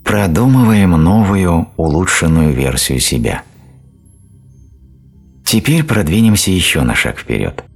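A man narrating a self-help audiobook in a steady, explanatory reading style. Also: low voice, unhurried, gravelly, long pauses, slightly rough, soft background music. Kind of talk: scripted narration.

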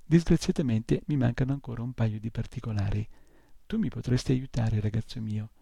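Pompous old gnome professor, lecturing and boastful, dark and gravelly, as a male reader puts him on. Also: mid-range voice, fairly quick, no room sound. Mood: self-important. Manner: self-important and lecturing.

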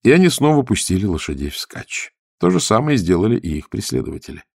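A man narrating an adventure audiobook with vivid, expressive storytelling. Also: deep voice, fast talker, creaky, husky, dry recording, clean studio sound.

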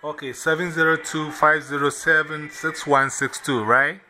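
A man on a phone call, halting and repeating himself while his voice keeps breaking up and dropping out on the line. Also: on the high side, steady tone, bright, forceful tone, a little hiss or hum. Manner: halting, repeats words and spells names out. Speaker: performer phoning a library.

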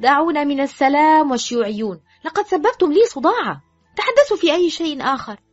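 Woman doing a shrill reckless teenage girl. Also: big pitch swings, rapid-fire, husky. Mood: defiant. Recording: dull lo-fi with faint music.

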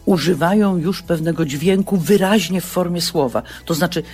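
A woman's voice: on the low side, normal speed, warm tone. A woman child psychologist explaining child development in a reassuring, explanatory way in a radio interview.

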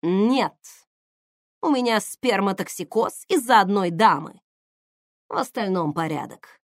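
A woman reads the part of a stern, exasperated space colonel, gruff and pushing his voice up when annoyed. the lines are slow and lively in pitch, in a storybook reading with a dry close sound. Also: dry recording. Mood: sarcastic. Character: stern male colonel, exasperated older brother.

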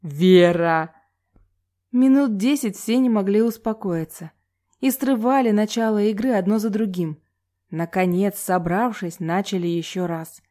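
Woman narrator, audiobook reading, warm mellow tone, measured delivery. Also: medium pitch. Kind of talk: reading a novel aloud.

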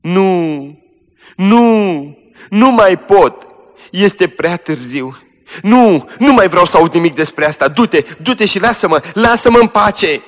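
A dying young woman cries out in bitter despair, as a man puts her on. The voice climbs high and loud, refusing all comfort. It rings in an echoey hall. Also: animated. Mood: anguished. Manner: crying out in anguish, refusing.

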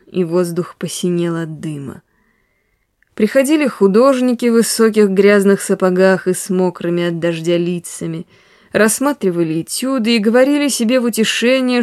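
Soft-spoken woman narrating a classic story. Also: medium pitch, dry recording, clean studio sound. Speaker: reader. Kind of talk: scripted literary narration.

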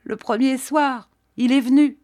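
A woman's voice: on the high side, lively intonation, measured pace, a little mellow, voice pushed up. A woman reading an audiobook, voicing a young peasant maid who confesses in a breathless, broken voice.

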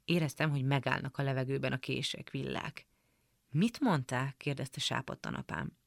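Woman reading a memoir, gravelly. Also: a bass voice, fairly even intonation, no room sound, studio quality. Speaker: radio reader. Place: radio studio.

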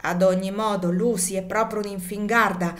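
A woman's voice: mid-range voice, fairly even intonation, moderate pace, a bit bright, lightly acted. Sambo, a spiteful fawning overseer, as a woman puts him on. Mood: sneering.

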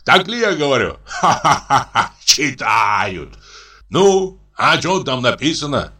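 A man voicing a drunken, swaggering masked man who mocks everyone and laughs loudly. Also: medium pitch, big pitch swings, takes it slowly, breathy edge, faint music behind, voice pushed up, heavily acted. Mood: jeering swagger. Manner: boisterous, mocking, laughs loudly.

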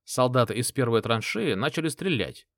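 A man reads a first-person audiobook with an expressive, lively delivery and swinging intonation. His voice sits at an ordinary middle pitch. The recording is close and dry. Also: normal speed, dry recording. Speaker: audiobook narrator.

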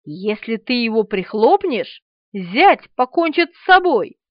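A woman's voice: a little high, very animated, takes it slowly, no room sound, lo-fi sound. A woman voicing an eager young man who fusses over his pets, in an urgent, fussing manner, reading an audiobook.

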